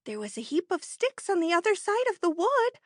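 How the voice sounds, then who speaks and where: A woman voicing a small, timid, anxious young piglet with a squeaky voice in a children's storybook reading. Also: sing-song, fairly quick. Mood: eager.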